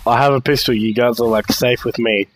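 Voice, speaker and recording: A young man chatting and bantering with friends over a game, playful and crude in his jokes. His voice sits at a middle pitch, with a faint hiss behind it. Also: fairly even intonation, fairly quick. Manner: joking, teasing, swears a lot. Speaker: channel host. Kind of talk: casual gaming banter.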